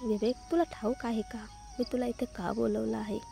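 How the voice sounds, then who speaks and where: A woman's voice: fairly high pitch, fairly even intonation, moderate pace, gravelly, warm tone, faint music behind. A woman doing a curt, commanding rich young man. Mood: stern commanding.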